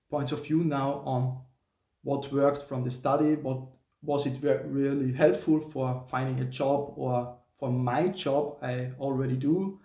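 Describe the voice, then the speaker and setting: Speaking to camera for his channel, a native German speaker from Austria, a software engineer in his thirties, uses cautious, halting English marked by small restarts and an Austrian German accent. His medium-pitched voice has a dark tone. The distant mic gives the casual vlog a roomy sound.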